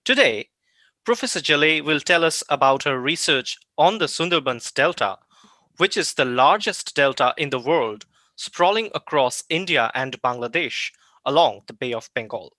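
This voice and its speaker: A man hosting a podcast, giving a formal, measured introduction and asking polite questions. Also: a little high, animated, sharp tone, no echo. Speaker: podcast host and interviewer. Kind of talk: scripted introduction and interview questions.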